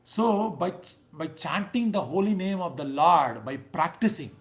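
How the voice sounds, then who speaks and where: A man in his thirties with a South Indian accent, pitched on the high side with lively intonation, speaks at a measured pace as he leads a scripture class. His informal sermon blends anecdotes and chanted verses, and he's emphatic and conversational, often finishing a phrase with "right?" to check in.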